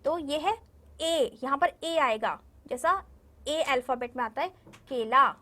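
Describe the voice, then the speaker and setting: A high-pitched woman teacher leads a recorded video lesson for small children. She drags out each syllable and repeats words over and over. She keeps checking in patiently to see if they follow. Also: fairly bright tone. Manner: slow, drawn-out syllable-by-syllable pronunciation drills, repeating words; patient, coaxing, checks understanding with "ठीक है?". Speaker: primary school Hindi teacher.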